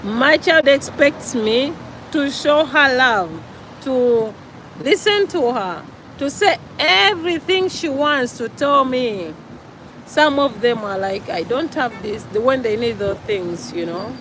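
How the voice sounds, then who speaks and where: A woman's voice: high-pitched, lively intonation, slow, a bit bright, slight background noise, low-quality recording. A Ugandan woman with a Ugandan accent gives an earnest, preachy vlog monologue, repeating her points for emphasis. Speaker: vlogger.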